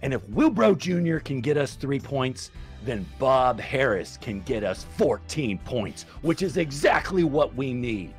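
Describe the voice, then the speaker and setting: A man playing a bombastic sports coach who shouts an emphatic motivational speech to his team. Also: medium pitch, sing-song, a little slow, faint music behind, pitched below the performer's own voice. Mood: intense. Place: indoors at home, on a group video call. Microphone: headset.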